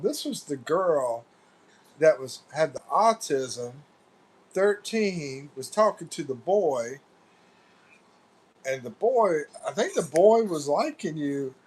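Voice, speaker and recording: Slow-talking American man chatting on a livestream. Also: on the high side, rough recording. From United States. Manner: chatty, loose, calls viewers "bro". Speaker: livestream host. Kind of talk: casual live chat reading viewer comments.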